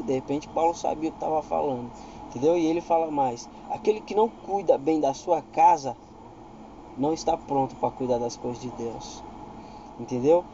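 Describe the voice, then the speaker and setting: A preacher with a Brazilian Portuguese accent gives informal Bible teaching, reading verses aloud with rising emphasis and often asking whether you understand. His voice is a little high with a dark tone, and the recording has its highs cut off plus a slight hiss or hum.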